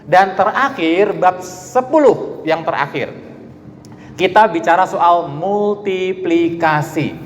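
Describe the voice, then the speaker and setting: A pastor delivering an animated sermon to young students, now and then calling quoted lines out loud. His voice sits high for a man. The sound carries a long reverb from a church hall. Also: slow pace, a little hiss or hum. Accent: Indonesian. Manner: animated preaching, shouts out quoted lines, playful asides.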